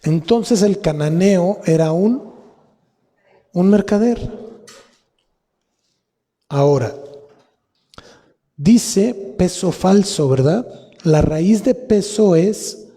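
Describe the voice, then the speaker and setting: A man with a Mexican Spanish accent preaching a sermon as pastor, teaching slowly and spelling out word roots with repetition. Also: high-pitched, animated, warm tone. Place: church hall. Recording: long reverb of a church hall.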